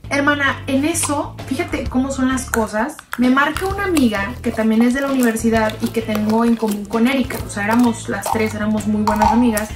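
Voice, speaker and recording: A woman's voice: a little high, fairly even intonation, brisk, hardly any pauses. Chatty young Mexican woman telling a story. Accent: Mexican Spanish. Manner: chatty, addresses listener as "hermana". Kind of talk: storytime narration. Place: unseen voice-over. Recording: background music under the voice.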